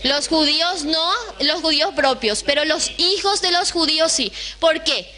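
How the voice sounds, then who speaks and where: A woman's voice: high voice, normal speed, pushed and bright. A woman teaching a Bible lesson to a class, often putting questions to the room and checking that they follow. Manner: keeps asking the class questions, checks in with "right?".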